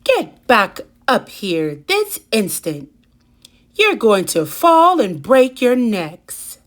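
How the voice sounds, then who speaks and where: A woman's voice: medium pitch, wildly swooping pitch, drawn-out words, fairly bright tone, heavily acted. A woman voicing a strict, protective mother bird who scolds firmly in a storybook. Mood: alarmed, scolding. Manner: firm, scolding.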